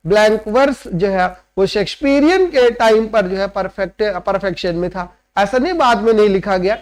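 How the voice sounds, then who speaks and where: A male literature teacher with a strikingly high voice delivers a classroom lecture. He explains each point step by step and mixes English terms into his explanations. He keeps pausing to check that his students are following. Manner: explains step by step, often checks understanding with "right?".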